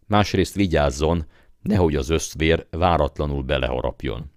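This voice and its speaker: A man narrating an audiobook in a calm, measured storytelling manner. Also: rumbling low, no room sound, clean studio sound. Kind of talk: scripted narration.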